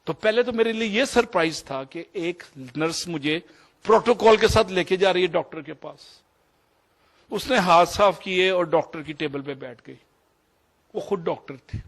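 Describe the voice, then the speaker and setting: Pakistani man, fifties, slightly high voice, digressive storyteller mixing in English. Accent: Pakistani Urdu. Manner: anecdotal, digressive, mixes English phrases. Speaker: doctor sharing experiences. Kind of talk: storytelling talk.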